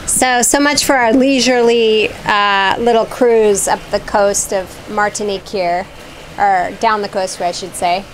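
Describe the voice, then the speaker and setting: A woman's voice: medium pitch, steady tone, a little slow, slight background noise. A woman hosting a sailing vlog, chatting upbeat and casual while out on a catamaran. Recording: with music underneath.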